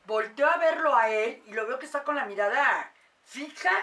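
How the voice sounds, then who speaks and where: A mother tells a story in a bright, somewhat high voice. She is animated and acts out the voices of the people she quotes. The mic sits a little away from her. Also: normal speed, recorded from a distance. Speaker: mother telling a paranormal story. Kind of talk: casual storytelling.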